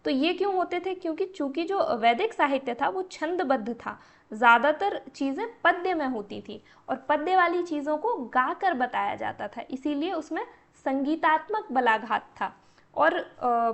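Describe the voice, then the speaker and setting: Female lecturer, high-pitched, patient step-by-step exam-prep teaching, rhetorical questions. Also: a bit bright. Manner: explains step by step, asks and answers own questions.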